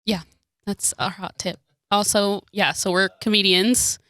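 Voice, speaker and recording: Bright, giggly young woman chatting. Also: mid-range voice, steady tone, a little slow, dry recording. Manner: giggly, rambling. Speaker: podcast co-host. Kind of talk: casual chat.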